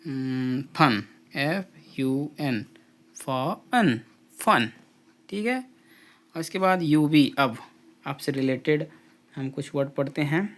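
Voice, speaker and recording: Guy teacher doing phonics drill, spells letters out, super slow, bit high voice. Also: expressive, fairly bright tone. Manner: spells letters then blends sounds slowly, repeating each word.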